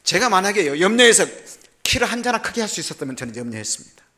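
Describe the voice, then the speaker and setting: Older male missionary preacher; bright, forceful voice, jokey storytelling sermon with big dynamic swings. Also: high-pitched, fast. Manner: animated and humorous, voice swinging from loud to quiet. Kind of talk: sermon with personal stories.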